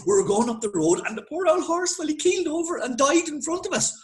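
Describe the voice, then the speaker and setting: A flustered young Irish policeman, voiced by a male storyteller. He is panting and hurried, his voice climbing high as he rushes his words. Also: little pitch movement, sharp tone. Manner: hurried, breathless.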